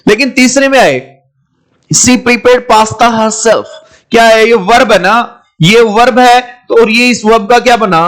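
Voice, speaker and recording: Guy, high voice, lecturing students on grammar, keeps calling them my children. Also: measured pace, a bit bright. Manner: repeats questions to students, calls them "my children". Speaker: English teacher. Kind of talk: classroom lecture.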